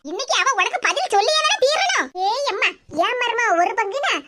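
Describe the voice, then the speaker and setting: A bossy old cartoon mother-in-law, put on by a woman, cackling and gloating through drawn-out fillers. The voice sits very high and squeaky. A loud hiss with clicks runs under it all. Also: sing-song.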